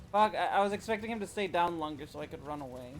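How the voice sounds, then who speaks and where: A man hosting a gaming stream, excitable and jokey, swearing now and then. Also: fairly high pitch, slight background noise. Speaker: streamer and host. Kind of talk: casual gaming chat. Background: game music.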